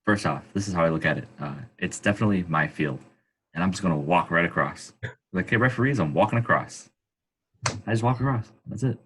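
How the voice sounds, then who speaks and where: A man working as an athletic trainer, chatting casually on a podcast and telling animated stories. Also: sits low, fast, a little hiss or hum. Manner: animated storyteller.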